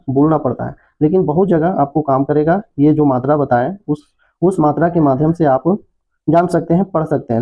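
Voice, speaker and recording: A man hosting an English lesson for beginners, explaining spelling and pronunciation patiently and repeating checks with his listeners. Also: a little high. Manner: patient, repetitive explaining with frequent "है ना". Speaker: English teacher, channel host. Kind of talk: Hindi-language English lesson. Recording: tinny phone-like audio.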